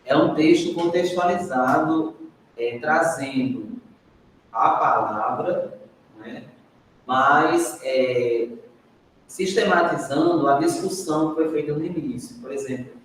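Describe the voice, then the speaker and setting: A man's voice: a little high, slow pace, a little hiss or hum. A Brazilian man teaching a training session, questioning the group and often adding a tag question. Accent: Brazilian Portuguese. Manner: adds "né?" often, prompts the group to answer. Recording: echoey classroom, recorded from a distance.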